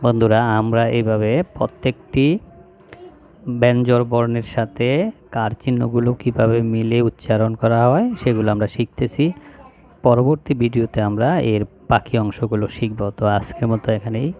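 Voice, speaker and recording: Male teacher voice for a kids' spelling lesson, flat and steady delivery. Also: mid-range voice. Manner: slow, even, drilling recitation of syllables. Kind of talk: slow spelling lesson recitation.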